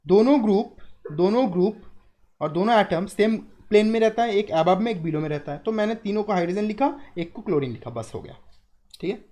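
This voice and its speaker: A man's voice: sits high, darkish tone. Man teaching chemistry in a live online class. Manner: explains step by step, repeats key terms, asks students questions.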